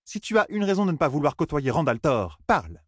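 Male narrator as a scolding elder woman, dry, bossy, raised pitch. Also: very animated, fast talker, husky, dry recording. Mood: stern, scolding.

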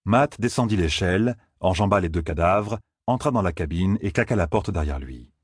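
A man reading a fantasy novel aloud as an audiobook narrator, with expressive storytelling. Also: low-pitched, moderate pace, husky, no echo, studio quality. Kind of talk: scripted narration.

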